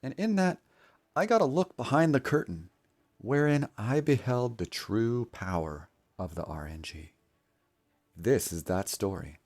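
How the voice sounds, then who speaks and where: This gamer and video storyteller has a mid-range, darkish voice and talks a little slowly but with animation. His scripted narration of a video game is mock-epic, delivered with theatrical grandeur and mock solemnity.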